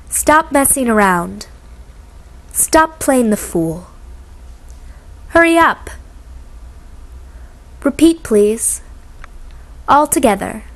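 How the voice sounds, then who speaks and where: Woman, high voice, reading short classroom commands very slowly, with careful articulation. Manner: slow, clearly articulated, pausing after each phrase. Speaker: English instruction reader.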